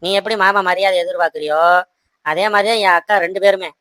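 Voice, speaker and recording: Man playing a fast-talking cartoon husband, high bright voice, soothing and harried. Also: fairly even intonation, no echo. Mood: placating. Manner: soothing, placating, talks to the audience. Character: harried young husband, stuck between wife and sisters. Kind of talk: cartoon voice acting.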